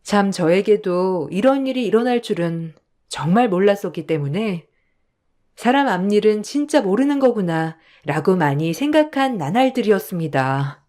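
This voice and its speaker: A woman's voice: mid-range voice, lively intonation, normal speed, darkish tone. A woman narrating a first-person radio story in a reflective, heartfelt way.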